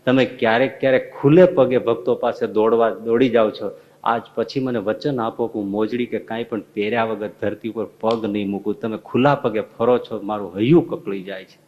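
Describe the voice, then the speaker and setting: Storytelling role: man playing a selfless old aunt, low and soft, earnest pleas. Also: steady tone, brisk, highs cut off, natural voice. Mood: earnest pleading. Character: devoted elderly aunt, woman, pleading selflessly.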